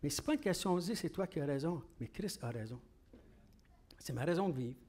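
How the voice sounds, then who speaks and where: A man with a Québécois French accent preaches to his congregation in a quick, conversational way. He keeps asking them questions as he goes. His voice sits noticeably high for a man. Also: animated, a little mellow. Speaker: pastor. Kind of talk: sermon.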